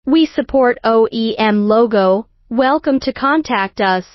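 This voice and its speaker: A woman delivers scripted promotional narration in a fairly high voice. The recording is dry and close, with a slightly muffled, lo-fi finish. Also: a little slow, dry recording. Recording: dull lo-fi sound.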